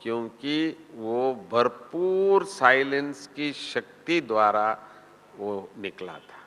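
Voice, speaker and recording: Slow-speaking man preaching in an echoing hall. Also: medium pitch, animated, a bit bright, clear, resonant tone. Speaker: spiritual teacher. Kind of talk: spiritual discourse. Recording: long reverb of a hall.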